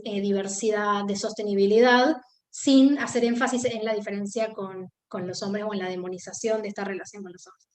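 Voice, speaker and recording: A woman's voice: on the high side, echoey room. A woman with an Argentine Spanish accent giving a class lecture, thinking aloud with many fillers and restarts.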